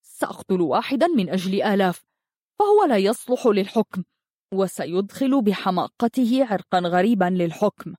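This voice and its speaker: A woman's voice: medium pitch, animated, moderate pace, darkish tone, no echo, studio quality, natural voice. A woman voicing a ruthless, ambitious prince who speaks in a hard, clipped way. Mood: cold. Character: ruthless ambitious prince plotting murder, tense.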